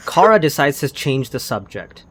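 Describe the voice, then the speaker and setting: A man's voice: medium pitch, big pitch swings, normal speed, fairly bright tone. A man co-hosting a casual game playthrough, narrating scenes and teasing with hesitant phrasing. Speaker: co-host guiding and narrating a game.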